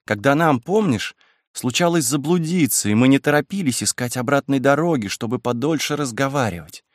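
A man voicing a wild, passionate young woman, raising his voice to sound higher and speaking with a pleading, impassioned manner in a dry room. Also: lively intonation, measured pace, no room sound. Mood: gently coaxing.

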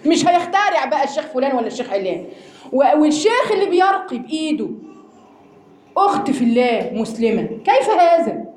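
An Egyptian woman teaching a religious lesson to a class of women, animated and asking them rhetorical questions. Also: high voice, fast, roomy sound, slight background noise. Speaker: Quran teacher.

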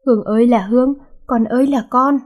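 Woman doing a wailing mother, lamenting, high-ish voice. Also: moderate pace, highs cut off, lightly acted. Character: wailing, overwrought middle-aged mother.

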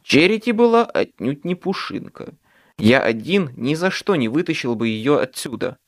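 A man narrating an audiobook in first person with a dramatic, expressive delivery. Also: a little high, moderate pace.

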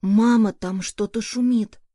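A woman voicing a small boy, anxious but eager, speaking in a hushed, halting child's way. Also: on the high side, fairly even intonation, husky, no room sound, studio quality.

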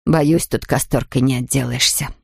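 A woman reading a storybook aloud and voicing a brisk, stern middle-aged housekeeper who grumbles in a firm, no-nonsense way. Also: a bass voice, creaky, no room sound, clean studio sound, pitched below the performer's own voice, full character voice.

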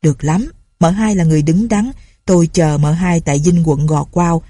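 A woman's voice: lowish voice, normal speed, mellow, no room sound, clean studio sound, close to an everyday voice. A woman doing a sly, greedy sergeant. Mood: eager. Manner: eager, fawning. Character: greedy male police sergeant, eager and sly.

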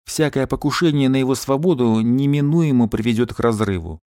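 A man voicing a calm middle-aged father who speaks in a dry, monotone way. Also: mid-range voice, fairly quick, no room sound, close to an everyday voice.

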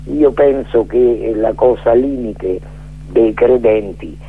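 Speaking slowly in a husky, mid-range voice, this older man wanders through philosophical musings as a radio guest, often hesitating to find the right word. His audio comes through a muffled, tinny, phone-style radio connection.

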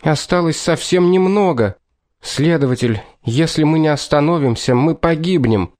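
A composed female driver delivers her words flatly, with no emotion, as a male audiobook reader puts her on. The recording is dry and close. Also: a little high, moderate pace, no echo, voice pushed up, lightly acted. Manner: flat, unemotional.

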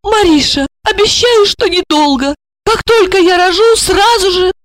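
A woman's voice: unhurried, dry recording. Woman voicing a pleading, tearful young woman. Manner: high, anxious, imploring. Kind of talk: audiobook dialogue reading.

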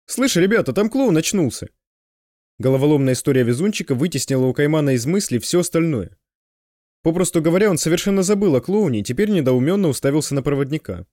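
A man narrating an audiobook with expressive storytelling. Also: on the high side, fast, no room sound, studio quality. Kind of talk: scripted narration.

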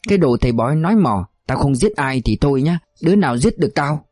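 A man's voice: fairly high pitch, expressive, fast, no room sound. A man doing a brash, hot-headed young man. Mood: furious. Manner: angry, boastful shouting.

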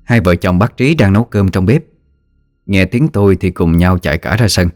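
Deep-voiced man telling a ghost story. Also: expressive, moderate pace, darkish tone, no room sound, studio quality, soft background music. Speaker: narrator.

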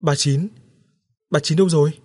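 A man's voice: a little high, steady tone, moderate pace, darkish tone, no echo, studio quality, voice pushed up, close to an everyday voice. A man voicing a dazed husband who pleads and raves in a raised voice. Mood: bewildered. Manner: raving, pleading. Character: dazed husband, raving and terrified.

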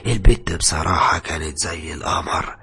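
Man performing old Egyptian grocer: drawn-out, low, rough-edged, knowing. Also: sharp tone, soft background music, heavily acted. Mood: ominous. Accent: Egyptian Arabic. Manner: slow, drawn-out storytelling. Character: old male neighborhood grocer, calm and knowing.

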